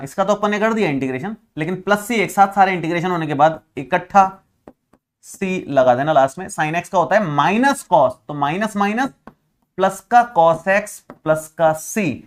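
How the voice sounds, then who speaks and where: A man's voice: fairly high pitch, lively intonation, a little slow. Chatty, reassuring male math teacher. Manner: chatty, reassuring, teasing students. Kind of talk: classroom math lecture.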